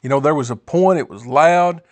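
A man's voice: fairly high pitch, moderate pace, no room sound. A man giving an earnest, informal devotional talk, rambling and correcting himself as he shares his notes. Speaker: podcast host sharing devotional notes.

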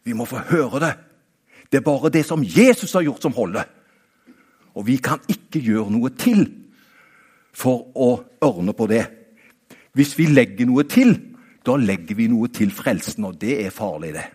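A man preaching a sermon. He talks straight to his listeners, rising to emphatic high points and then dropping to quiet asides. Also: pauses often, breathy edge. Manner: animated, talks straight to the listener with repeated "vet du hva?"; swings between raised, emphatic peaks and quiet, low-voiced asides.

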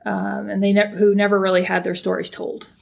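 This PhD student, a young Californian woman guesting on a podcast, talks in a mid-range voice with a level tone, a brisk pace and some vocal fry. It's a casual interview chat, full of rambling, fillers and false starts.

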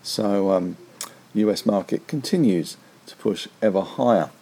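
A man hosting a market podcast, delivering rapid market news with figures in a chatty, wry way. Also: on the low side, mellow, breathy edge.

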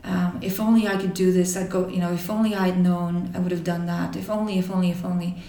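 A woman in her forties from Belgium tells her story in a thoughtful, halting way, with pauses and restarts. Her voice sits a touch low. The sound is roomy and echoing, as if she is a little way from the mic. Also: little pitch movement, mellow, far from the mic. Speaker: interview guest. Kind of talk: reflective personal storytelling.

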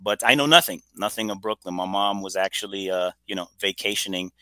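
Upbeat guest, a man in his forties from Trinidad and Tobago, lowish forceful voice, dry sound. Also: fairly quick, dry recording. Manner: upbeat, chatty storyteller. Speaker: podcast guest, entrepreneur. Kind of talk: casual interview storytelling.

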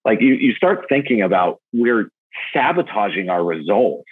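A man with a low, husky voice speaks casually as an interview guest. He tells animated stories, and his pitch leaps up when he gets excited. The audio is thin and narrow, like a phone call. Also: moderate pace. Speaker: podcast guest, event marketer.

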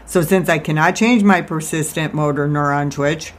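A woman's voice: sits low, normal speed. A woman life coach giving an informal, confessional personal monologue, talking out of one side of her mouth with a self-deprecating manner. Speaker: life coach and podcast host.

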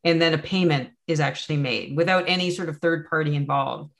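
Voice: mid-range voice, a little fast, gravelly, a bit bright. An interview host who asks long, winding questions, often adding "you know" and "if you will.".

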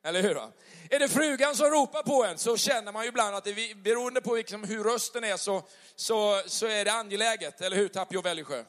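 A man's voice: high voice, fairly bright tone. A man preaching a conversational sermon, chatty and full of acted-out little dialogues. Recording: long hall reverb.

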